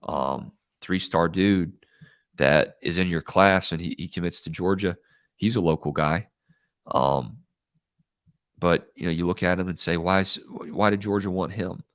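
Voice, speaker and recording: A man with a congested, nasal baritone that sounds like his nose is pinched, hosting live college football talk in a conversational, think-aloud way. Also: a little slow, a bit bright, no room sound, clean studio sound. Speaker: host of a live college football recruiting show. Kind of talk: live sports talk and commentary.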